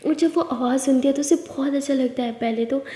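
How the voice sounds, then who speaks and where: A woman tells an audio love story with high, mellow tones and an expressive, emotional delivery. Her voice carries a roomy, reverberant echo with a long tail. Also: fairly quick.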